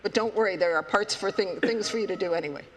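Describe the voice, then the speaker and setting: A man voicing a calm, protective storybook hawk. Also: sits high, quick pace, pitched below the performer's own voice, natural voice. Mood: reassuring. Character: reassuring protective hawk in a children's tale. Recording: echoey hall.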